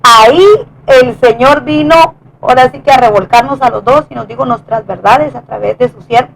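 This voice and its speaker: A woman with a high voice recounts a personal testimony in an earnest, conversational way. She often stumbles and restarts her phrases as she speaks. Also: creaky, rough recording. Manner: earnest, halting with many restarts. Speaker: wife sharing testimony.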